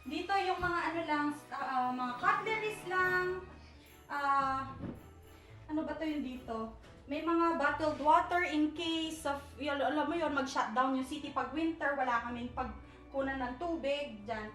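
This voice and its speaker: In this casual home tour vlog, a young woman wanders her apartment at night, rambling and groping for words while slipping into English. She sits high in pitch and sounds a bit bright, speaking at a measured pace. The distant, off-mic recording echoes around the room over faint music.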